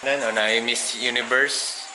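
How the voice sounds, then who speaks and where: A man films a casual vlog on a handheld camera while he helps out around a busy house. He jokes, laughs a lot and hops between languages as he talks. Loud noise runs under his voice the whole time, and his pitch sits in the middle range. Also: steady tone, a little slow. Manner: joking, laughs often, switches between languages. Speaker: vlogger. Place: indoors, busy house during wedding preparations.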